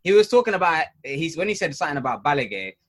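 A man's voice: fairly high pitch, very animated, racing, fairly bright tone. A man chatting casually as a podcast co-host, slangy and emphatic, repeating his phrases. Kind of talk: casual album review chat.

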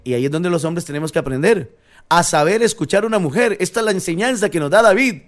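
Higher-voiced lively male preacher. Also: quick pace, soft background music. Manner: lively, questions the congregation, playful asides. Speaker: pastor. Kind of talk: sermon. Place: church service.

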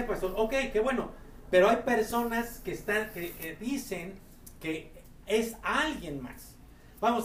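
A pastor preaches to a congregation, slowing down to stress each Bible verse and throwing out rhetorical questions. The voice sounds set back from the microphone in an echoing church hall. A faint ambience sits underneath. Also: medium pitch, recorded from a distance, a little hiss or hum. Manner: reads verses slowly with emphasis and poses rhetorical questions. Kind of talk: Bible-teaching sermon.

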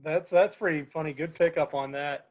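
A man hosting a casual movie podcast, talking in a relaxed way with fillers and laughs. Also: a little high, normal speed, crowd noise. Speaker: podcast host.

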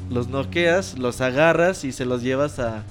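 A man's voice: mid-range voice, unhurried, faint music behind. A man with a Mexican Spanish accent hosting a casual podcast chat, talking in slang and acting out bits of dialogue as he retells game scenes. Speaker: podcast host.

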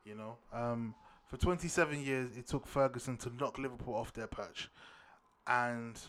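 A man's voice: medium pitch, normal speed. Slangy London roadman podcast host. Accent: London roadman, urban British slang. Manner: slangy, repetitive shout-outs and addresses to listeners. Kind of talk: casual solo sports podcast chat.

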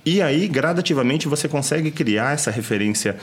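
Homem paulista explicando com calma. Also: male voice, a little high, fairly quick. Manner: calm, explanatory. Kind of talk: casual conversation.

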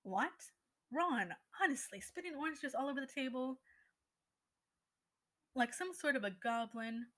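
A woman reading as Hermione, brisk and exasperated. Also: sits high, animated, a bit bright, rough recording.

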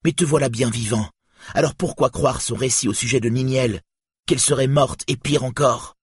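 A man voicing a shrill, hostile village woman who accuses a rival, in an audiobook reading. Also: normal speed, breathy edge, no echo, studio quality. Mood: shrill accusing. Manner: strident, accusing.

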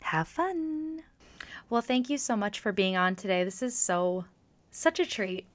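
A woman's voice: medium pitch, moderate pace, no room sound. A woman hosting a podcast, talking in an effusive, informal way. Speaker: podcast host. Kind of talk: podcast intro and casual chat.

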